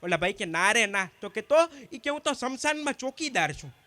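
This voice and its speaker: A man with a very high, bright, sharp voice tells stand-up jokes. He rattles through each anecdote and acts out both sides of every exchange. The sound is dry and close. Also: very animated, a little fast, no echo. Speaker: stand-up comedian at a community gathering. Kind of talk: live stand-up joke telling.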